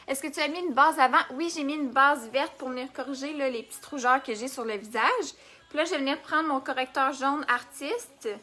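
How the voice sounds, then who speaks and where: A woman's voice: high-pitched, bright, forceful tone. A young woman with a Québécois accent hosting a casual makeup live stream, chatting and answering viewer comments as she works. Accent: Québécois French.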